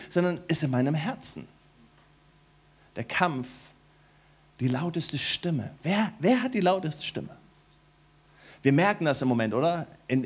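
A middle-aged male pastor delivers a sermon with a slightly higher voice than most men. He sinks into quiet, low passages and then climbs to loud, emphatic calls to the congregation. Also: slightly rough. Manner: preaching to a congregation, swinging from soft and low to loud, high exclamations. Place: warm church hall.

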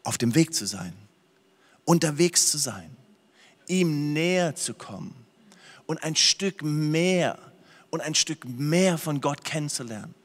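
A man with a somewhat high voice preaches as a pastor, stressing his points by repeating phrases. He moves between loud passages and hushed ones. His voice carries a long reverb from a large hall. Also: animated, slow pace. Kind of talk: sermon.

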